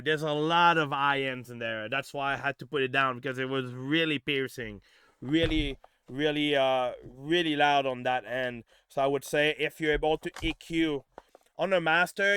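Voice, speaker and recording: A man hosting a live review stream from his home studio, his voice bright and forceful, smooth and crisp, set against a dry, close sound. He talks in a loose, rambling way, full of fillers and easy swearing. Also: a little high, no echo. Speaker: music producer hosting a demo review stream. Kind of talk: casual live-stream chat and feedback. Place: home studio on a Discord call.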